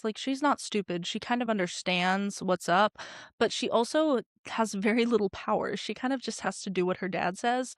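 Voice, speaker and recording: Woman recap host, sarcastic and animated, slightly high voice, dry close sound. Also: no echo. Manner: opinionated, animated, sarcastic asides. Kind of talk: casual recap commentary.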